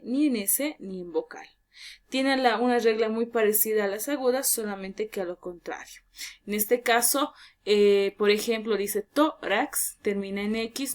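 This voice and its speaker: A woman teacher giving a lesson, explaining clearly and drawing out key words slowly for emphasis. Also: on the high side, a little mellow.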